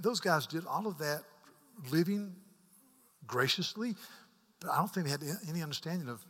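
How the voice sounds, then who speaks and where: This fairly high-pitched male pastor gives an earnest sermon with a breathy edge, often stumbling and repeating words. His delivery swells into forceful emphasis and then sinks to almost-whispered asides. A large sanctuary's lengthy reverb rings around him.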